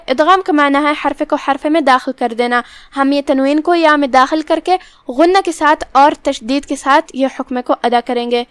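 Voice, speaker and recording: A woman with a Pakistani Urdu accent, teaching Quran recitation rules in a measured, instructive way. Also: sits high, a bit bright, no room sound. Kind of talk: tajweed lesson, explaining rules word by word.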